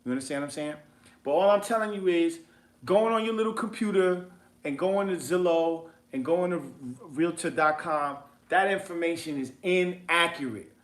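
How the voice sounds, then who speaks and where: Man, real estate investor in a loose seminar setting; emphatic, slangy, quick to laugh; slightly high voice, echoey room. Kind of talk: casual seminar talk.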